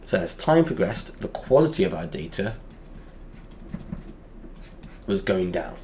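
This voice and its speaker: A man teaching a lesson over a whiteboard drawing, explaining step by step and pausing often with fillers. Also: sits low, very animated, a little mellow, slight background noise.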